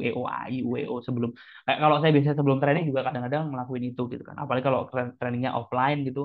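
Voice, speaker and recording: A man who works as a speaking trainer gives casual, chatty tips. He speaks straight to his listeners and acts out examples as he goes. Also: mid-range voice. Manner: chatty, addresses listeners as friends, demonstrates examples. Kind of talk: casual teaching talk. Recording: tinny phone-like sound.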